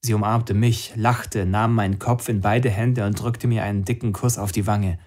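A man reading a novel aloud in calm, measured scripted narration. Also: lowish voice. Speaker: audiobook narrator.

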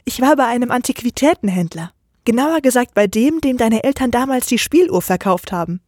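A woman voicing a sweet young wife, talking in a raised, earnest, somewhat husky voice. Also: a little high, animated, a little fast, darkish tone, no echo, studio quality. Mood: pleading.

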